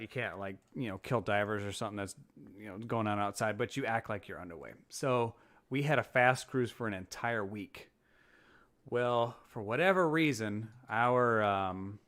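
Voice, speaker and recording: A man, a former submariner, telling sea stories in casual chat, animated and swearing freely. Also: lowish voice. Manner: animated, acts out shouting in quotes, swears freely.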